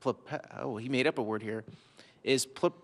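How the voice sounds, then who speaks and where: A man's voice: medium pitch, normal speed. A man co-hosting a casual podcast, bantering wryly and reading fan letters aloud. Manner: wry, easygoing banter. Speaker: podcast co-host. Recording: long hall reverb.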